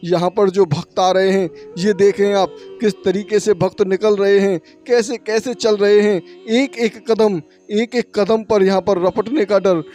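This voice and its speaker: A high-pitched man speaks urgently to his viewers as friends while filming a devotional pilgrimage vlog outdoors. He talks into a camera mic from a motorbike on a muddy road in the rain, with faint music underneath. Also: steady tone, a little slow, few pauses, mellow. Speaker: pilgrimage vlogger. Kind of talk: devotional travel vlog narration.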